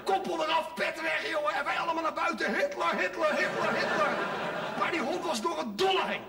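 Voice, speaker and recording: A man's voice: very high voice, quick pace, gravelly, recorded from a distance, a crowd in the background, background noise. A man telling a comic story on stage, doing the voices of the characters as he goes. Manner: animated, voices characters, frequent audience laughter. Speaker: cabaret performer telling a story. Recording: live stage recording from afar, audience audible.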